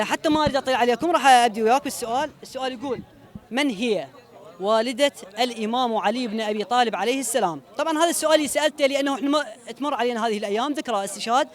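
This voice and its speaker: An Iraqi man presents a street quiz in a very high-pitched voice. He talks very fast, moving through courteous host phrases and questions out in the open. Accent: Iraqi Arabic. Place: outdoors on a city street.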